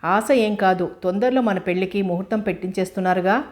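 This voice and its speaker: A woman reading the part of a young male doctor, a quick-tempered and affectionate fiancé, in a storybook. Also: mid-range voice, darkish tone, close to an everyday voice. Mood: teasing.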